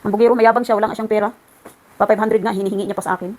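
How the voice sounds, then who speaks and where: A woman's voice: mid-range voice, steady tone, rapid-fire, a little mellow, poor audio. A woman vlogger chatting to her viewers while ironing at home, in a rambling, ranting way. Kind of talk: casual chat.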